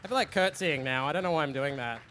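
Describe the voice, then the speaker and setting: A man hosting a live interview on a festival stage, playful and quick to banter with his guests on a handheld mic. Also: fairly high pitch, pushed and bright, faint music behind, some chatter behind. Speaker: interviewer and host.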